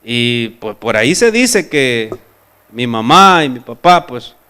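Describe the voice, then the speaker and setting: A man's voice: medium pitch, very animated, slow pace, pushed and bright, smooth, pitched below the performer's own voice, exaggerated voice. A man voicing a humble older man unsure of his roots, speaking in a hesitant, faltering way. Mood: uncertain.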